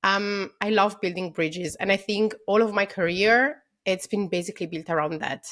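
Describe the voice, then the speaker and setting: An Italian woman in her thirties, speaking with an Italian accent, joins a podcast by video call as a guest in a casual interview. Her voice is medium-pitched and fairly bright at normal speed, and she sounds eager, scattering fillers like "um" and "like" throughout.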